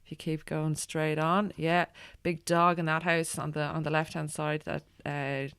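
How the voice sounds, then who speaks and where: A woman's voice: low-pitched, level tone, unhurried, fairly bright tone, clear, resonant tone, no room sound. An Irish woman chatting casually as a guest, in a hesitant, meandering way. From Ireland. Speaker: guest, stand-up comedian. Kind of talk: casual chat.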